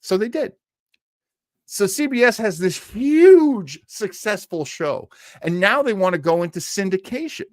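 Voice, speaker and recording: With clean studio sound and a dry recording, this American performer and old-time radio show host chats casually with livestream viewers. His high-sitting voice swings widely in pitch and stays unhurried as he tells stories with fan-like enthusiasm, repeating things for emphasis.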